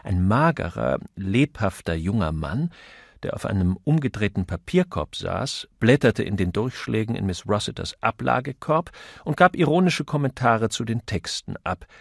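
A man narrating a crime audiobook in a lively, expressive reading style. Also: on the low side, moderate pace, creaky, husky, no echo, studio quality. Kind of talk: scripted narration.

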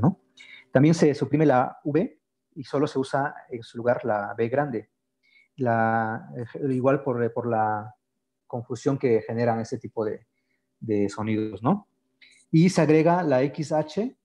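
Mellow-voiced man teaching, patient and unhurried. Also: mid-range voice. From Yagavila, Oaxaca, Mexico. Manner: patient, slow explanations with many fillers. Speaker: Zapotec language teacher. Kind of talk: explanatory language lesson.

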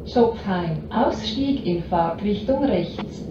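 A woman's slow, evenly spaced stop announcements come over a train intercom speaker. Her voice is formal and measured, tinny and echoing from across the carriage. Loud music plays behind her. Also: medium pitch, animated, distant mic. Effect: heard over a train intercom speaker. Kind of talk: recorded station announcements. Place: inside a moving train.

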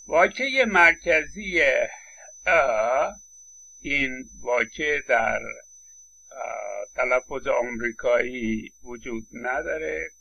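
Bright-voiced man lecturing on phonetics. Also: mid-range voice, creaky, slight background noise, poor audio. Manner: explanatory, with frequent hesitation fillers; models vowel sounds and example words aloud. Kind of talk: university lecture.

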